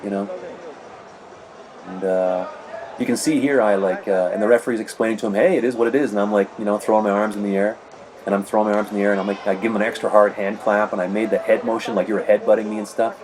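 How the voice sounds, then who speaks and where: A man's voice: on the low side, flat delivery, fast talker, a crowd in the background. A middle-aged man casually narrating footage of his own match, rambling and conversational with lots of "you know". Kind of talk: casual narrated commentary over video.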